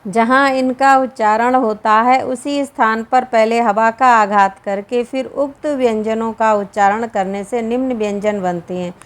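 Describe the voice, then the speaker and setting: A Sanskrit teacher with a Hindi accent reads and explains a grammar lesson slowly and deliberately, stretching out each sound. Her voice is fairly high.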